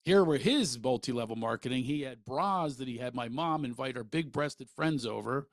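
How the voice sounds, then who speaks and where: A middle-aged man from Pennsylvania hosting a podcast, telling stories in an animated, rambling way full of asides. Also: medium pitch, moderate pace, no echo. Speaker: podcast host, comedian. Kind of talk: storytelling monologue.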